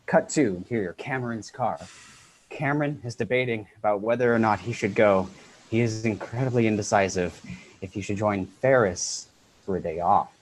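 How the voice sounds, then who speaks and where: A man reading stage directions in a brisk, matter-of-fact way at an unrehearsed script read-through. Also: fairly low pitch, slight background noise, rough recording.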